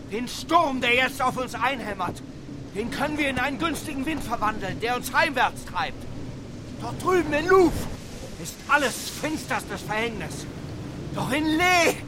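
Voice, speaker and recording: Earnest first mate for radio drama: high, urgent, over storm noise. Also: male voice.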